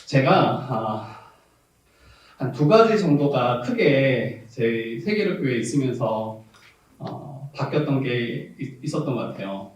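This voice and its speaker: A man's mid-range voice, very animated and unhurried, carries a sermon from a Korean pastor of South Jeolla speaking Jeolla dialect. He is candid and nostalgic, laughing frequently and rising to emphasis. Recorded far away in a church sanctuary, the sound has heavy reverb.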